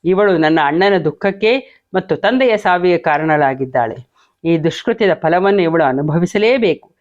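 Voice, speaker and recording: A man's voice: on the high side, lively intonation, normal speed, close to an everyday voice. A man voicing a distraught young prince in an emotional reading, on a dull lo-fi recording. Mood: indignant. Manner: wailing then indignant.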